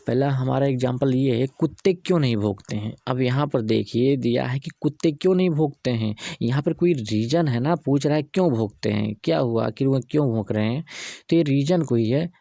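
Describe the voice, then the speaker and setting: A man's voice: medium pitch, brisk, gravelly, dark tone, no room sound. A man teaching English grammar, going through examples step by step and asking himself rhetorical questions.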